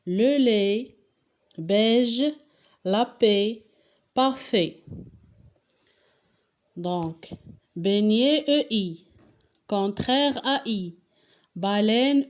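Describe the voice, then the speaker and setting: A woman with a Moroccan accent and a mid-range, darkish voice teaches a lesson and corrects a worksheet. She asks questions and answers them step by step, spelling out the answers.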